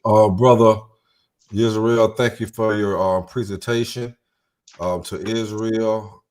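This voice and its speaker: A man's voice: lowish voice, flat delivery, takes it slowly, a little mellow. A man, the podcast host, thanking the guest in a hesitant way with many fillers, a little away from the mic.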